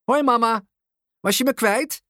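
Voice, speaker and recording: A storyteller voicing an excited, easily frightened little boy in a children's storybook, in a high, bright childlike voice. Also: measured pace, no echo, studio quality, lightly acted. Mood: eager.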